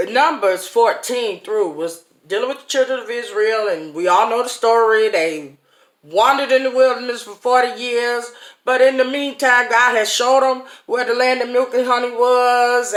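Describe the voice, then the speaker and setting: This is a speaker giving a casual devotional talk, unhurried and folksy, often breaking into a chuckle. The pace is slow and drawn out. The recording is roomy and echoey. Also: medium pitch, a bit bright. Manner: folksy, chuckling, talks straight to viewers. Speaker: online inspirational speaker. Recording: roomy echo.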